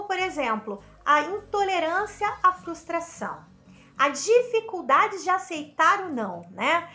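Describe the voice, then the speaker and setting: A woman's voice: high voice, fairly bright tone. A woman psychologist giving an educational talk, explaining with rhetorical questions and everyday examples.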